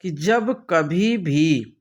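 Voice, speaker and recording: A man's voice: fairly high pitch, expressive, very slow. A man with a Hindi accent teaching an English grammar lesson, talking the class through answer options with playful, theatrical asides.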